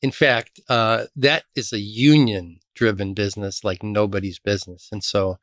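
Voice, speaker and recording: A middle-aged man from Chicago, a guest in an interview, telling lively stories about his career. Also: normal speed, dry recording, studio quality. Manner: animated storyteller, lively pitch jumps. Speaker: podcast guest, association executive. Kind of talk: storytelling interview.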